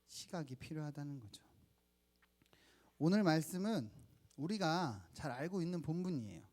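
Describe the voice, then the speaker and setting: A man in his thirties, serving as pastor, gives a sermon in a church sanctuary. His slightly mellow voice sits on the high side as he tells personal anecdotes and asks the congregation questions.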